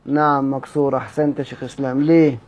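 A man's voice: mid-range voice, flat delivery, racing, darkish tone. A man with an Egyptian accent teaching Quran recitation rules in an online lesson. He quizzes his students, then reads a text aloud and explains it. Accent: Egyptian Arabic.

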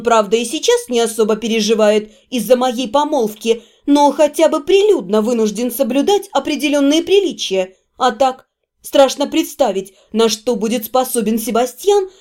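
A woman narrating a first-person fantasy audiobook in an even, expressive reading. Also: sits high, normal speed.

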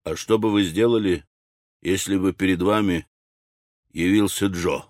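A male audiobook reader voicing a scheming, level-headed young man who speaks in a low, measured, conspiratorial way. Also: darkish tone, dry recording, clean studio sound. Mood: coaxing. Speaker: audiobook character. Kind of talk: audiobook character reading.

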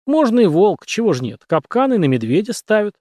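A talkative country taxi driver, a simple hunting man, as an audiobook narrator plays him. He rambles folksily, raised above a plain speaking voice and lively in pitch. Dry, close recording. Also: no echo. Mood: boastful. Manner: folksy, unhurried talk. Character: chatty rural taxi driver and hunter, man.

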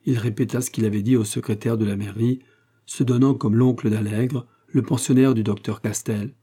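A man narrating a detective novel in a measured, even storytelling voice. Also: mid-range voice, slightly rough. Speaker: audiobook narrator.

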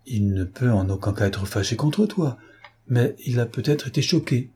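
A man voicing a gentle, tactful princess who softly admonishes a young girl in a read novel. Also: mid-range voice, animated, moderate pace, breathy edge.

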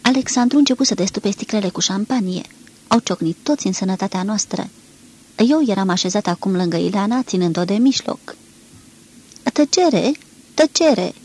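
Husky woman reading a novel aloud. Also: medium pitch, darkish tone. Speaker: audiobook reader. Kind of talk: literary audiobook narration.

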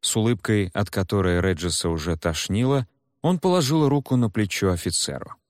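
A man narrating an audiobook in an expressive, dramatic way. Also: fairly low pitch, fairly quick, dry recording, studio quality.

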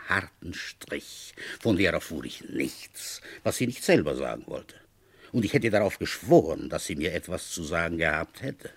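In a radio drama, a deep-voiced actor gives a heavily acted performance as a seasoned, middle-aged village police commissioner. As the detective narrator, he narrates and questions others with deliberate, dramatic phrasing.

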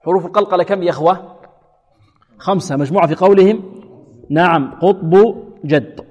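A man teaching a Quran recitation lesson, quizzing his students and answering his own questions, drilling words slowly. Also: sits high, darkish tone, lo-fi sound. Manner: asks students questions and answers them himself, repeats words slowly for practice. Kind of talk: classroom tajwid lesson. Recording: long hall reverb.

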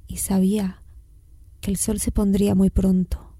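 Dark-voiced woman reciting poetry. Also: mid-range voice, level tone, unhurried, husky, no room sound.

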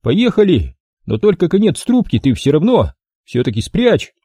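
A man voicing a brash, crude prankster sidekick who jokes loudly and mockingly in an audiobook. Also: a little high, sing-song, normal speed, breathy edge, dry recording, studio quality, pitched above the performer's own voice. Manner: mocking, cheeky, loud.

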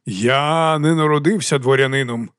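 A dignified nobleman in his fifties, as a male narrator plays him speaks slowly with quiet authority. His tone carries deep compassion and calm. The recording is dry and close. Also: no echo, close to an everyday voice. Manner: slow, quietly commanding, compassionate.

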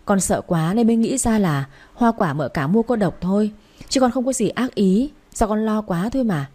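A woman's voice: medium pitch, expressive, moderate pace, mellow, lightly acted. A woman voicing a tearful, pleading young pregnant servant who whines and begs. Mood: whining. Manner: whiny and pleading. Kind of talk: storybook character voice.

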